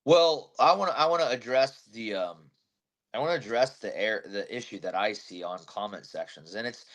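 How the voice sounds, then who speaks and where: A man's voice: fairly low pitch, normal speed. A man who fights bare-knuckle, talking brashly after a bout, swearing and telling fight stories with energy. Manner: brash, swearing, animated storytelling. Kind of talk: post-fight interview.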